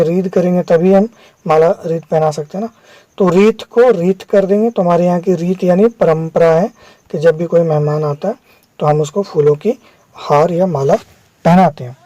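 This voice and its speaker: A man's voice: on the high side, mellow, no echo. A man teaching English vocabulary over slides, explaining step by step and checking in with viewers.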